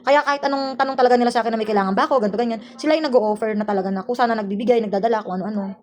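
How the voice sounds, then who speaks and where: Woman from the Philippines, domestic worker vlogging; quick, slightly high, aggrieved storyteller. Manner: rapid, aggrieved recounting. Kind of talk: casual storytelling vlog. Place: employer's house indoors.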